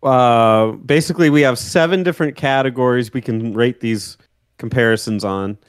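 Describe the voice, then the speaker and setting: A man co-hosting a casual gaming podcast, relaxed and explaining things while laughing along. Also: medium pitch, moderate pace, smooth, no room sound, clean studio sound. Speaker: podcast co-host. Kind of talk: casual chat.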